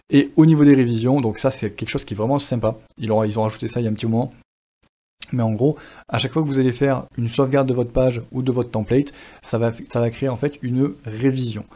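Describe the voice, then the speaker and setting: With a lowish voice, a French presenter casually guides a screen-recorded WordPress tutorial, relaxed and chatty, often using fillers and restarting sentences. The recording sounds slightly dull and lo-fi.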